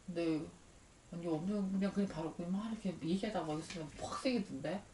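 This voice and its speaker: A woman's voice: fairly low pitch, fast, warm tone. A tipsy woman in her forties chatting casually at home, playful and argumentative. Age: 40s. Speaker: vlogger. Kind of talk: casual chat. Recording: echoey room, far from the mic, faint noise.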